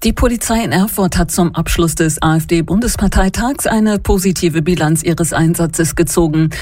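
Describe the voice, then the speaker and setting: A woman reading the radio news in a formal, even studio delivery. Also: lowish voice, moderate pace, faint music behind. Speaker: news presenter.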